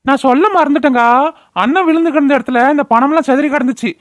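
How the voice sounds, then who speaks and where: A woman's voice: high voice, fast talker, no echo, lightly acted. A woman voicing an eager, respectful young village man who runs errands in a cartoon. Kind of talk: cartoon voice acting.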